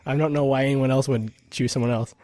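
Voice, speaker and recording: A man co-hosting a casual anime podcast, goofy and quick to laugh. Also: medium pitch, fairly even intonation, dark tone, no echo. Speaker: podcast co-host. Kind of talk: casual group chat.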